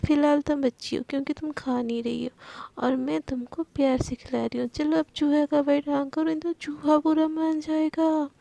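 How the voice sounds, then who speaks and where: A playful young woman boss, bossy and coaxing, as a woman storyteller voices her. High-pitched and gravelly with a mellow, dark tone. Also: flat delivery, moderate pace, no room sound.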